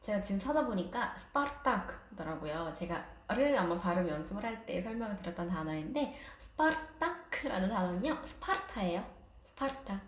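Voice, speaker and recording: A woman's voice: medium pitch, very animated, a little fast, few pauses, roomy sound. A woman teaching a casual online language lesson, explaining patiently with light laughs.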